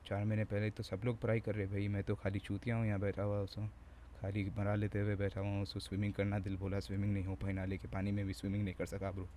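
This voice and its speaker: A man's voice: fairly low pitch, monotone, fast talker, dark tone, slight background noise. A young man, chatting casually to camera at home in a rambling, self-mocking, slangy way. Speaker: vlogger. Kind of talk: casual joking chat to camera.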